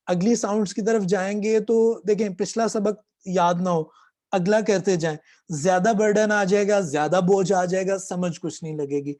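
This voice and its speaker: A man's voice: high voice, darkish tone. Patient male teacher drawing out throat sounds. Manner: slow drawn-out demonstrations of throat sounds. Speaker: Quran reading teacher. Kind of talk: patient spoken lesson on letter sounds.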